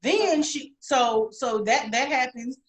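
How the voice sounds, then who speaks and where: A woman's voice: high-pitched, slow pace. A young adult woman co-hosting a podcast, talking bluntly and emphatically with frequent swearing in casual chat. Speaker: podcast co-host.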